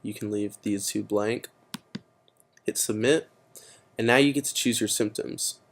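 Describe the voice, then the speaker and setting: This is a screen-recorded computer tutorial by a teenage boy with a lowish voice and a measured pace. His casual explanations of the steps are peppered with fillers.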